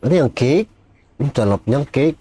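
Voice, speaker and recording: A man's voice: mid-range voice, lively intonation, moderate pace, mellow, slight background noise. A man giving casual reaction commentary on a video, chatting to viewers and cursing when startled. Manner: jumpy, exclaims and curses when startled.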